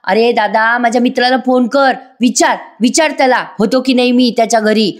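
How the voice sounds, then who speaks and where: A woman's voice: a little high, fairly quick, lightly acted. A woman voicing a man who wails and protests melodramatically. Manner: melodramatic wailing. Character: dramatic man crying out in protest.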